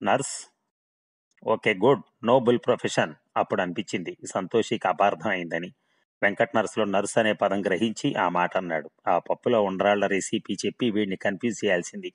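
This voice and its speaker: A man narrating a humorous story in a wry, steady reading voice. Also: sits low, brisk.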